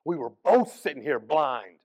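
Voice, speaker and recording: A man preaching as pastor, telling the story in an animated way, acting out the people in it and restarting phrases often. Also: fairly high pitch, measured pace, no room sound. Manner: animated storytelling, acts out voices, frequent restarts. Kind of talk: sermon.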